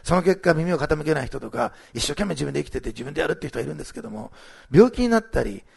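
A man's voice: on the high side, sing-song, very fast, gravelly, slightly rough. A middle-aged male pastor giving church announcements and sharing a testimony, rambling with many fillers and restarts.

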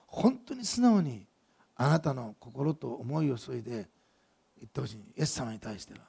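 A man preaching with a husky, breathy voice that sits high for a man. He tells the scene like a lively story, turning to the congregation with questions. There is a gravelly fry in his tone. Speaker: pastor. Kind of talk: sermon.

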